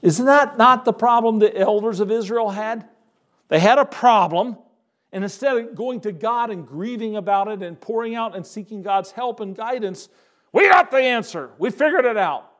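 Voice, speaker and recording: A male pastor preaching a sermon in a conversational way, moving between hushed asides and emphatic lines. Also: high-pitched, normal speed.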